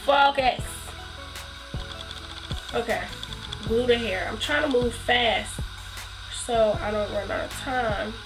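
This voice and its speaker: A hair vlogger, stuffy from a cold, chats through a tutorial at home in a slightly high voice, rambling easily and filling pauses with ums. Music plays clearly behind her as she talks to the camera, and the recording is rough.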